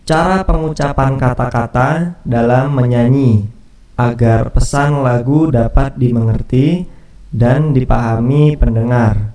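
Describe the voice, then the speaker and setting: Male teacher, mellow tone, casual lesson voice-over with fillers; roomy, off-mic recording. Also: mid-range voice, far from the mic. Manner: casual explaining with fillers and restarts. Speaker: music teacher.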